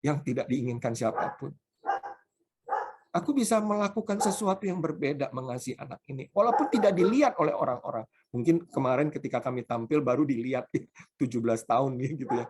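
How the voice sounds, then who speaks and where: A man's voice: medium pitch, noisy background. Emphatic male preacher telling stories. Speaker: pastor. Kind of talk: sermon.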